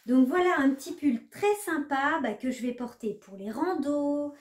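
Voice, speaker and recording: A woman's voice: high-pitched, normal speed. A woman knitting vlogger chatting casually to the camera, hesitant, with many fillers. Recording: echoey room.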